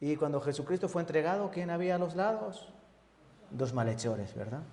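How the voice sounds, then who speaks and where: Man, evangelist, higher voice, questions the congregation, echoey hall. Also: animated, a little fast, a little mellow. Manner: asks the audience questions, checks with tag questions. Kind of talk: Bible teaching sermon. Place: church.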